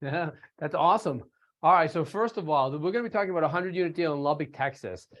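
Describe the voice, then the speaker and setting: Chatty man hosting a podcast, somewhat high. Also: fast talker, a bit bright. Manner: loose and chatty, many fillers. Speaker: podcast host. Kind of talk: casual podcast interview.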